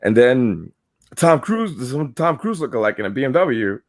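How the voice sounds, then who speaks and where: A New York man with a mid-range voice, speaking at normal speed, co-hosts a casual podcast. He's an animated storyteller who rambles through profanity-laced tales.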